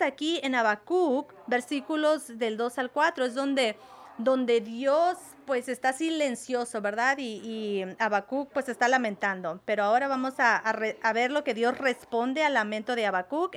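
A woman's voice: on the high side, moderate pace. A woman preaching a sermon in a conversational way, often checking in with her listeners. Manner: conversational, asks "verdad?" often.

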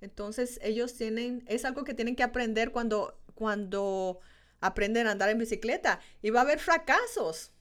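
Higher-voiced woman preaching conversationally. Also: moderate pace, a bit bright. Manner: conversational preaching, talks straight to the congregation; repeats phrases for emphasis. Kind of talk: sermon.

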